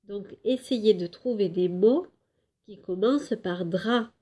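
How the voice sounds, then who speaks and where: Slow, patient kindergarten teacher, woman. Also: medium pitch, a little mellow, muffled recording. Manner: slow, clear syllable-by-syllable teaching; drawn-out, emphatic words for children. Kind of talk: home lesson for young children.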